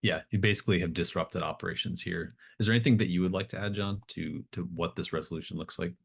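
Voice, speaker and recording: A man running a tabletop role-playing game as game master, thinking aloud in a relaxed way with fillers. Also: low voice, fast, vocal fry, breathy edge.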